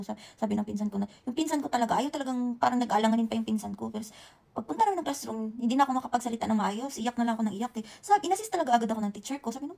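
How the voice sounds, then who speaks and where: A Visayan woman whose first language is Bisaya tells a personal story to her viewers in a halting way, full of restarts and self-corrections. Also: a little high, gravelly, a little mellow. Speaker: vlogger. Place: Japan.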